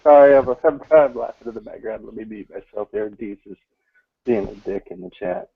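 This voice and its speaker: A man with a husky voice joining a casual group discussion on a call, making wry jokes. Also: fairly low pitch, fairly quick. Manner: joking, wry. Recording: tinny phone-like call line.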